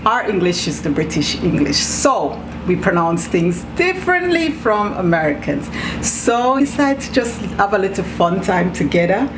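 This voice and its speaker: A Jamaican woman speaks in a casual, bantering video-host style, emphatic and playfully argumentative. Her pitch sits in the middle for a woman. There is clear noise behind her voice. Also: very animated, moderate pace. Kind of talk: casual bantering chat with partner. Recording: clearly noisy room background.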